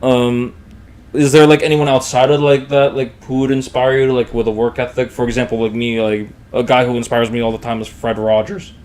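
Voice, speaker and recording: A man's voice: medium pitch, flat delivery, brisk, darkish tone. A man hosting a podcast, chatting eagerly with his guest and laughing often. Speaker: podcast host. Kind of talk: casual interview chat.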